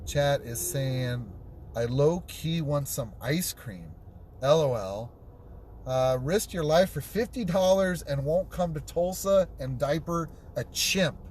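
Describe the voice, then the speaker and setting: A man's voice: a little high, animated, slow pace, a little mellow, a little hiss or hum. Man chatting from behind the wheel. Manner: repeats words and restarts often. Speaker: call-in show host. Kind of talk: casual live-stream chat, reading viewer comments. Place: inside a car, driving.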